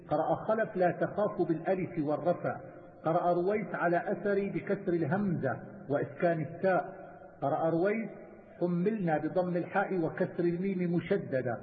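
Male teacher, high voice, steady itemized recitation; thin lo-fi sound with a long hall echo. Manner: measured, methodical listing. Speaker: teacher of Quranic reading variants. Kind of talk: chanted recitation and itemized explanation. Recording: tinny phone-like sound with long reverb.

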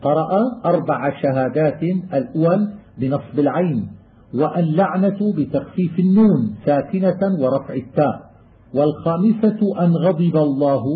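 Man, slightly high voice, melodic verse chanting then plain explanation, recitation lesson, tinny phone-like audio. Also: a little hiss or hum. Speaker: Quran recitation teacher.

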